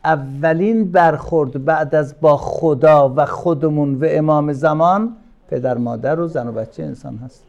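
An older man teaching a religious class, telling personal stories and stressing his points by slowing down and suddenly raising his voice. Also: on the high side, creaky, muffled recording. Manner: warm storytelling with sudden loud emphatic lines; slows down and stretches key words. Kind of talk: informal religious talk to a class.

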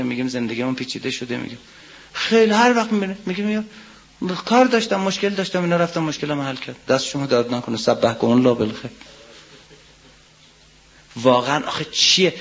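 A man preaching a sermon, swinging between loud emphatic rises and low quiet asides, and reciting scripture in a drawn-out chant. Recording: dull lo-fi sound.

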